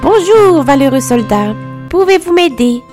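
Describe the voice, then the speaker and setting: A woman's voice: high-pitched, sing-song, a little slow, a little mellow, faint music behind, pitched above the performer's own voice. A woman voicing a scheming old woman with a whiny, slightly grating voice in a storybook reading. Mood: wheedling. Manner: sly and cackling.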